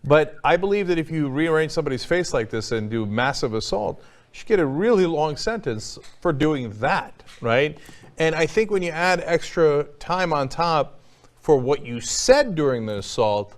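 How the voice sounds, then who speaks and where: A man's voice: on the high side, lively intonation, normal speed. A man hosting a casual talk show, giving blunt opinions, swearing freely, with lots of fillers and restarts. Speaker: host.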